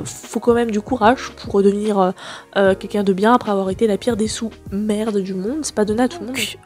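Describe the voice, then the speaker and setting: A woman in her twenties hosting a casual, slangy chat about new manga releases, full of fillers and excitement. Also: medium pitch. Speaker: manga booktuber host.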